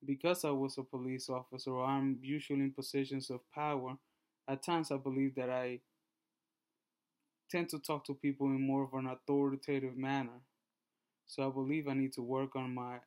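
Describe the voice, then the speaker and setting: A man in his twenties from Honduras, giving a class presentation and reading through his slides in a measured way with small restarts. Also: medium pitch, a little mellow. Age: 20s. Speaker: student presenter.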